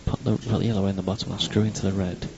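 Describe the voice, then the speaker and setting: A chatty man commentates a pool match in a low, flat voice, dropping wry asides to viewers. The sound is dull and lo-fi, with steady noise behind him. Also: rapid-fire. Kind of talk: live sports commentary. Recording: dull lo-fi stream audio with noise.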